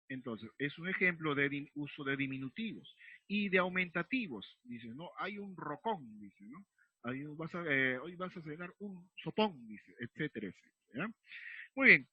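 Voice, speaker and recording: A man teaching a recorded class, his voice set a little high for a man. He explains patiently and keeps checking in with the listener every few phrases. The recording is dry and somewhat dull, with little high end. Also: slightly rough, dry recording. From Peru. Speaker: secondary school teacher. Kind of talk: recorded remote class lesson.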